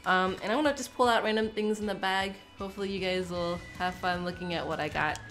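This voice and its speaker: Stuffy and nasal from being sick, a young woman vlogger chats casually in a small room while unpacking a bag, rambling with lots of fillers. Her voice is fairly low and a bit bright, she talks fast, and faint music plays behind her.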